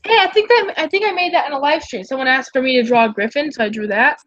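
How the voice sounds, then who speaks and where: A young woman chatting casually on a live stream about her artwork, giggly and full of quick asides. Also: high voice, fairly bright tone. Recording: muffled lo-fi mic.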